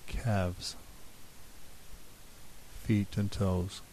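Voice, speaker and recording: Low, mellow man guiding relaxation. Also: poor audio. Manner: calm, soothing, unhurried. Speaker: guided relaxation instructor. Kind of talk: guided relaxation narration. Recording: steady hiss behind the voice.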